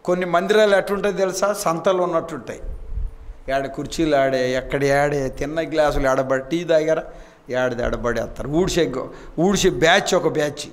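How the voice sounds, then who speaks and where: A man preaching a sermon, moving from quiet storytelling to stretched-out shouted emphasis and quizzing the congregation for answers. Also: fairly high pitch, moderate pace. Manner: asks the congregation questions and calls on them to answer.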